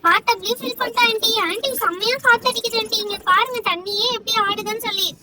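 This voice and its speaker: A woman with a Tamil accent voicing an excited little girl who keeps calling out for aunty in a doll play story. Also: extremely high pitch, quick pace, heavy background noise. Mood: eager. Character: excited little girl helper, chatty and nosy.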